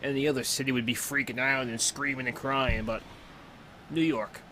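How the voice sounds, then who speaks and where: A man's voice: mid-range voice, level tone, brisk, bright, forceful tone, slight background noise. A young man hosting a watch-along, giving casual reaction commentary full of playful, joking asides.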